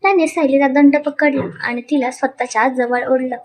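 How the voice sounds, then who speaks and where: High-voiced woman narrating a story. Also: fairly even intonation, moderate pace, a little mellow.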